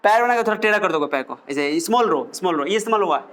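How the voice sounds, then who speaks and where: A man's voice: high-pitched, fast. A man teaching a physics class, quizzing his students as he explains. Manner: lively, coaxing, quizzes students with questions. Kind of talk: classroom lecture.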